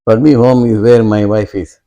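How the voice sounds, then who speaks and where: Gravelly older man, halting. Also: lowish voice, steady tone, mellow, muffled recording. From India. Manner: halting and reflective, many fillers and restarts. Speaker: guest, father of host. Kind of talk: conversational interview.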